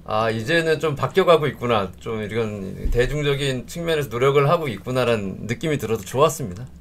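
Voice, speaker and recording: A man asking conversational interview questions in a polite, measured way. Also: mid-range voice, expressive, slight background noise.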